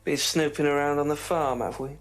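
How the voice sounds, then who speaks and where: A man's voice: on the high side, fairly even intonation, fairly quick, soft background music, lightly acted. A man playing an offhand, teasing amateur cook in a video game. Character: flippant man, amateur competition-winning cook.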